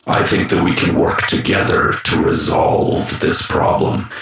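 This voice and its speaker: Dr. Samuel Hayden, very deep ominous robot. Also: male voice, flat delivery, a little slow, gravelly, fairly bright tone, full character voice. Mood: ominous, composed. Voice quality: grumbly, tube-like, robotic. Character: ominous, low, grumbly male robot doctor. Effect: robot filter with small echoing tube reverb. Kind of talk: video game character lines. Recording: processed with small tube-like reverb.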